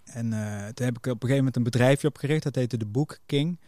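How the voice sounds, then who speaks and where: Middle-aged male podcast guest, mid-pitched, casual anecdotal delivery, dry close sound. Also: quick pace, dark tone, dry recording. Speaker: podcast guest, music booker. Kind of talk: casual interview, telling career anecdotes.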